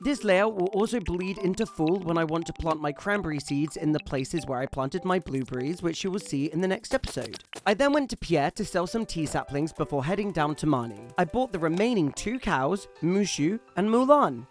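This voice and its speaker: High-voiced playful man narrating gameplay. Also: animated, fairly quick, hardly any pauses, faint music behind. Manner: playful, theatrical asides. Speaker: gaming channel host. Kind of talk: scripted gameplay voice-over.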